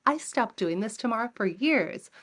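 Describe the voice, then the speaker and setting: A woman in her forties, an entrepreneur and coach talking as a podcast guest, who tells lively stories and acts out the dialogue. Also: a little high, a little slow. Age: 40s. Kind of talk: conversational interview storytelling.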